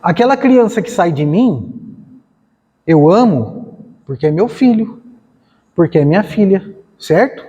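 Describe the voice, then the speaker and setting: A man's voice: high voice, lively intonation, measured pace, long pauses, mellow. A man giving a lecture at a spiritist center, talking conversationally, acting out dialogues and asking rhetorical questions. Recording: long hall reverb.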